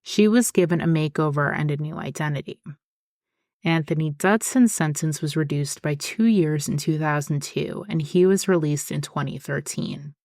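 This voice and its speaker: A woman hosting a podcast, reading a scripted true-crime narration in a measured, explanatory way. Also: low-pitched, a little mellow, no room sound, studio quality. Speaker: podcast host.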